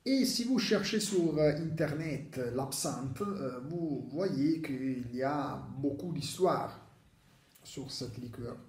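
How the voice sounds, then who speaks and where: An echoey room carries the voice of a man presenting an informal explainer. His French has a clear foreign accent and is not native, with hesitant phrasing. He speaks slowly, in a voice pitched a little above average. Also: animated, a little mellow. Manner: halting, hesitant delivery in imperfect French. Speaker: video presenter. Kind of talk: unscripted explanatory talk to camera. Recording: echoey, reverberant room sound.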